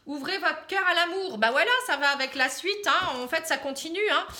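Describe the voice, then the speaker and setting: A woman's voice: high voice, animated, brisk, bright, forceful tone. A woman with a northern French accent from the Pas-de-Calais, giving a chatty, reassuring tarot reading and tagging her phrases with "hein". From Pas-de-Calais, northern France. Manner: chatty, tags nearly every phrase with "hein"; reassuring and encouraging. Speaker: tarot card reader. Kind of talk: casual tarot reading to camera.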